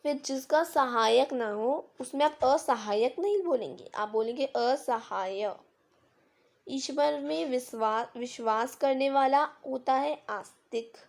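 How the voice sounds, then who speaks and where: A woman's voice: high voice, slow pace, creaky. A woman teaching Hindi grammar in a screen-recorded lesson, patiently explaining with simple examples and quiz questions. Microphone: device mic of a screen recording.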